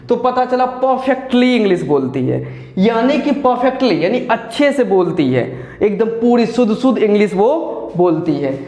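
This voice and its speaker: A man's voice: sits high, sing-song, moderate pace, darkish tone, echoey room. A man with a Hindi accent, teaching an English grammar lesson patiently, step by step with repeated examples.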